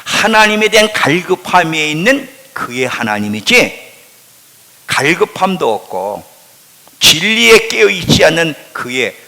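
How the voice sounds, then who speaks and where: Male pastor with a lilt, lively pitch, quizzes his flock and answers himself; long church-hall echo. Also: a little slow, vocal fry. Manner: asks the congregation questions and answers them himself; emphatic, swings between loud and hushed. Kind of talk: sermon. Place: church sanctuary.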